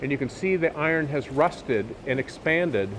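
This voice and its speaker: A man with a fairly high voice acts as a tour guide, explaining things informally and a bit haltingly. He is recorded on location underground, with faint background noise. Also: expressive, fairly bright tone, low-quality recording. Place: inside an old mill and underground water tunnel.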